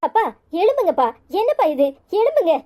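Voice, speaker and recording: An anxious young wife from a Tamil cartoon serial, played by a woman, indignant and protective, with a Tirunelveli accent. Her voice is extremely high and piping. She urges and pleads in quick bursts. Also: sing-song, warm tone. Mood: pleading.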